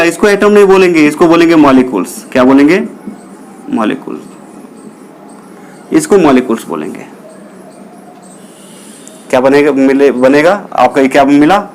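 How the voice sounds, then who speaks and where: Guy teaching chem, kinda high voice, keeps asking stuff and answering it himself. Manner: asks questions then answers them himself, repeats key terms; calls listeners children. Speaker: chemistry teacher. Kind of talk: classroom lecture.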